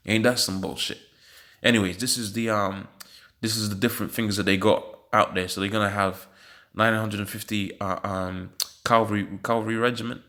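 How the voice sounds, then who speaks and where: Sniffling from hay fever, a British man gives a religiously slanted take on a news article in a fairly low, slightly bright voice. He hesitates often, uses plenty of fillers, and throws in emphatic rhetorical questions.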